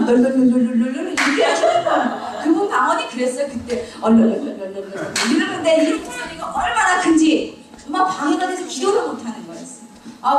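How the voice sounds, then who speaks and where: Middle-aged woman in a very echoey church hall. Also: high voice. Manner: humorous, self-mocking, laughing often. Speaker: deaconess giving a testimony. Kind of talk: church testimony. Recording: very echoey hall, mic far off.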